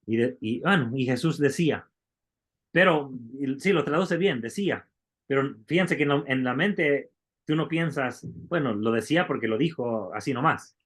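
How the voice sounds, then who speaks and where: A man's voice: mid-range voice, expressive, normal speed, fairly bright tone. A man teaching a Bible Greek class, explaining step by step and asking the students questions. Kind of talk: classroom lecture.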